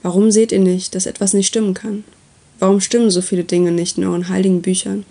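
A woman voicing a patient, wry male god who calmly explains and lectures in a story reading. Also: mid-range voice, creaky. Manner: calm, unhurried, explaining.

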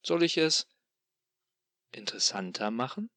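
A man voicing a sadistic, mocking male machine demon in an audio drama, taunting in a drawn-out, sing-song way. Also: mid-range voice, expressive, fairly bright tone, no echo, voice pushed up.

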